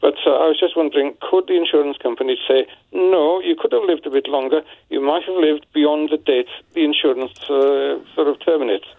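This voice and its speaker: A man's voice: on the high side, fairly even intonation, brisk, creaky, hardly any pauses, no room sound. Hesitant man in his seventies on telephone. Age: 70s. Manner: hesitant, apologetic. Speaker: radio phone-in caller. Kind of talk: serious phone conversation. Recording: muffled telephone line.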